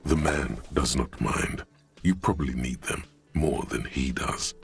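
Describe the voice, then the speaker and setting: Super deep gravelly game narrator, dry and deadpan, music under it. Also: male voice, measured pace, full character voice. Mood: wry. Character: gravelly omniscient male narrator, wry and grim. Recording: game audio over background music.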